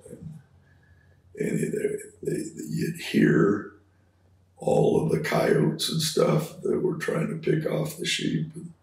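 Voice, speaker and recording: An older American man from California reminisces casually as an interview guest, in a halting, rambling way. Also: a little mellow. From California Bay Area, USA. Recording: roomy, distant computer-speaker pickup.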